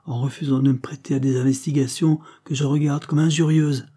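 A stern male ex-captain who speaks in clipped, cold, peremptory refusals. The voice is dark and husky, a little raised above a reader's plain tone, from a man reading a storybook. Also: mid-range voice, level tone, fairly quick, voice pushed up, close to an everyday voice. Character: stern middle-aged male former sea captain.

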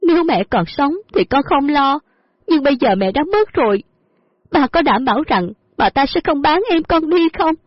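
A woman's voice: high voice, animated, normal speed, dry recording, voice pushed up. A woman voicing a devoted young teenage girl who pleads earnestly, in a dull lo-fi audio story with faint music behind. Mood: pleading.

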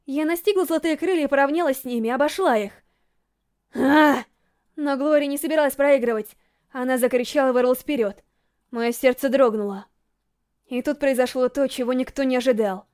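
High-voiced woman narrating dramatically. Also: fast talker. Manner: dramatic, emotionally expressive storytelling. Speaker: audiobook narrator. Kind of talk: first-person novel narration.

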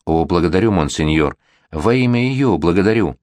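A man's voice: low voice, lively intonation, moderate pace, a little mellow, dry recording. A man voicing a virtuous young bride-to-be who pleads with a prince. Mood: earnest.

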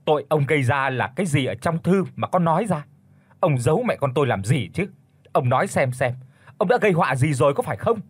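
A man voicing a sharp-tongued middle-aged wife who scolds her husband with rapid demands. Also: mid-range voice, very animated, husky, no echo. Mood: scolding.

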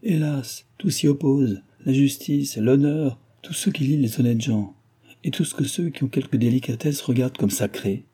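A man's voice: medium pitch, moderate pace, warm tone, breathy edge, close to an everyday voice. A man reading aloud, voicing an earnest young woman who pleads her case in an old novel. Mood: pleading.

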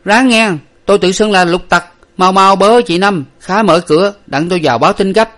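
Man voicing a jumpy, high-pitched young servant. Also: brisk, natural voice. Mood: urgent. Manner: high, urgent, shouting. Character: young male servant, excitable and timid.

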